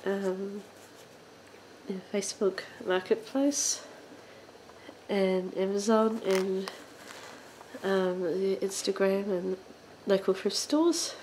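Slow, hesitant woman showing off a doll. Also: medium pitch, a little mellow, slight background noise, poor audio. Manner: hesitant, many ums and uhs, halting phrasing; occasional coughs. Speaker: doll collector channel host. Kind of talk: casual show-and-tell narration. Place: indoors at home, on a sofa.

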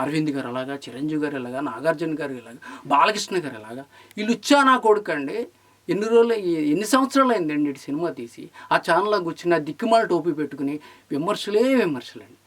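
A high-pitched man in a furious monologue. He scolds his targets with question after question. His voice jumps between loud outbursts and muttered asides. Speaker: film commentator. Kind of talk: angry rant to camera.

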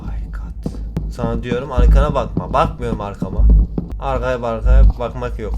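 A man's voice: medium pitch, normal speed, lo-fi sound, over music. A young man commenting on a horror game as he plays, joking and acting brave, with sudden startled outbursts. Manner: jokey, mock-brave, talks to himself, sudden startled outbursts. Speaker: gaming YouTuber.

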